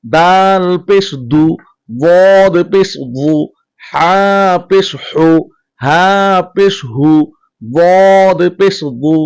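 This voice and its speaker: A man teaches Quran reading by chanting each Arabic letter with its vowel mark in a slow, measured drill. He then addresses his viewers in a softer, quicker closing talk. His high-pitched voice has a clean tone.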